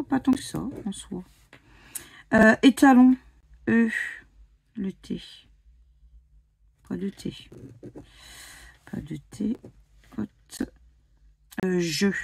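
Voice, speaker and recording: French woman, slow husky scratch-card commentary, spells letters aloud. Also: medium pitch, warm tone, no room sound. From France. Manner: spells out letters one by one, muttering and hesitant. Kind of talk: casual commentary while playing scratch cards.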